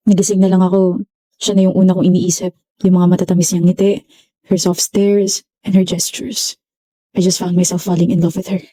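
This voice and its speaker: Woman as cheating young boyfriend, low flat dark voice, dry sound. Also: normal speed, no room sound, natural voice. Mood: confessing.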